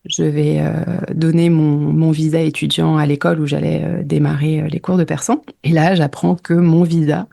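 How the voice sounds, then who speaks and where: A woman's voice: low voice, level tone, normal speed, gravelly, few pauses, dark tone. A French woman guest recounting her travels in a casual interview, hesitant with many fillers and restarts. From France.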